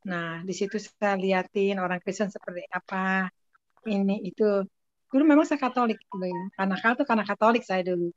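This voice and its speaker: A woman giving a casual, lively spoken testimony as a guest, often laughing. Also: medium pitch, fairly quick, no room sound. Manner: lively storytelling with frequent laughs. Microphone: video call. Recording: muffled dry video-call audio.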